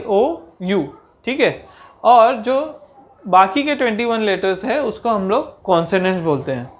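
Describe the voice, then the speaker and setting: Teacher quizzing her class. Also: medium pitch. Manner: asks rhetorical questions and answers them; slows down for English definitions. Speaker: English grammar teacher. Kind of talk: grammar lesson.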